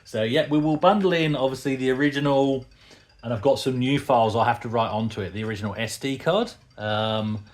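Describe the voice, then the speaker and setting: A man giving casual, excitable commentary as he plays a retro computer game, laughing often and thinking aloud. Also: medium pitch, fairly quick.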